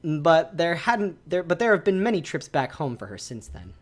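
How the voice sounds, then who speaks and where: Animated man reading a visual novel. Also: fairly high pitch, moderate pace. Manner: animated, exclaims and reacts while reading. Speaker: streamer.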